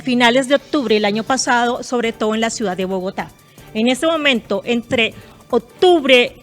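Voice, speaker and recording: A woman, a guest expert explaining property tax rules in a precise, example-driven way on a radio talk show. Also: high-pitched.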